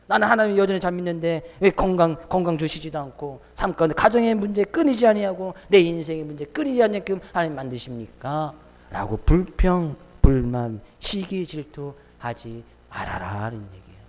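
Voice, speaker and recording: A man's voice: high voice, darkish tone. A male pastor preaching a sermon in an earnest, conversational way, often asking his congregation rhetorical questions. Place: church sanctuary. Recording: long church hall reverb.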